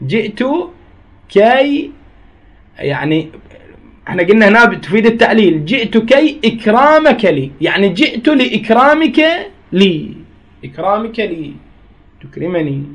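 A man's voice: high voice, very animated, moderate pace, long pauses. A man teaching grammar, reading a text aloud and then explaining it with repeated examples.

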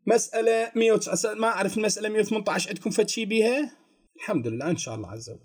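A man's voice: high voice, rapid-fire. A man with an Iraqi Arabic accent giving a religious jurisprudence lesson, explaining step by step and answering his own questions. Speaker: religious teacher.

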